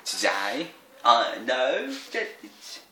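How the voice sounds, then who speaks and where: A man's voice: mid-range voice, big pitch swings, very noisy. A man rambling casually in a vlog with lots of fillers and restarts, his voice tired and strained. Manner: halting, full of fillers and repeats. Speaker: vlogger. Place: indoor room. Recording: echoey room.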